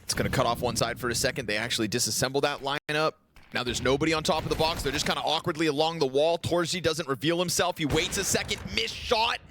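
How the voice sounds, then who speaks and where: A man doing fast, excited play-by-play commentary on a match, with jokey asides. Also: a little high, background noise. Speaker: esports caster.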